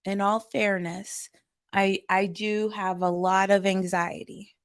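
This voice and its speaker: A woman's voice: mid-range voice, level tone, slow pace, no echo, studio quality. A woman co-hosting a casual relationship chat, hesitant, searching for words and laughing easily. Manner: hesitant, many fillers and restarts, laughs often. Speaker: podcast co-host.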